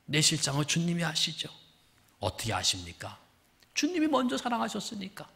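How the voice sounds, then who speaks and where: A male pastor preaching a sermon in a church, swinging between loud emphasis and hushed, whispered lines. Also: a little high, huge pitch swings, fairly quick, gravelly. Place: church sanctuary.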